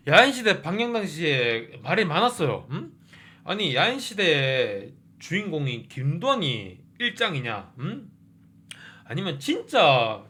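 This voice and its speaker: A man hosting a review channel, chatting casually about a TV drama and excitedly tossing in little "huh?" asides. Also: on the high side. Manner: excitable, keeps asking 응? and 어? mid-sentence.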